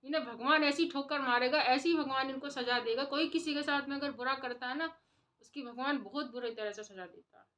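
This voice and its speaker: A woman with a high voice delivers a heated opinion vlog straight to her audience. She scolds and lectures, hammering each point home by repeating it. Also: fairly quick, fairly bright tone. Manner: scolding, impassioned, repetitive. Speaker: vlogger. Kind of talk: opinion commentary to camera.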